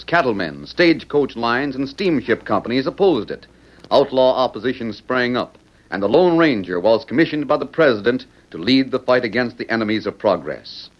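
A man's voice: medium pitch, sing-song, brisk. An American man narrating a radio western in a grand, stirring, formal announcer's style. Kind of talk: dramatic 1940s-50s radio narration. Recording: dull vintage radio recording over music. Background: music.

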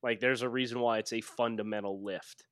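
A man co-hosting a casual sports podcast, laying things out point by point. His voice is smooth and clear at a middle pitch. It is recorded dry and close. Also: fairly even intonation, a little fast, no echo. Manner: explains in ticked-off lists. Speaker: podcast co-host.

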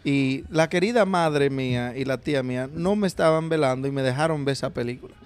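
A man from Puerto Rico with a Puerto Rican accent, co-hosting a casual podcast, playful and quick to laugh. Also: medium pitch, clean tone. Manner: playful, laughs often, confessional. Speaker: podcast co-host. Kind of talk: casual chat.

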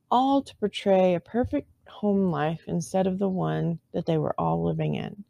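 A woman with a low, gravelly voice tells a true crime story in a loose, conversational way, breaking off for wry asides and correcting herself as she goes. Her tone is dark and mellow, and the recording is close and dry with no room sound. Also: dry recording.

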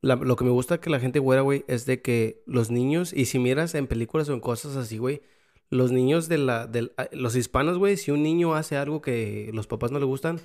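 A man with a Mexican Spanish accent chats casually in a rambling, slang-heavy flow. He drifts between Spanish and English as he talks. His voice sits at an ordinary middle pitch. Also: brisk, darkish tone. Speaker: father. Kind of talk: casual conversation.

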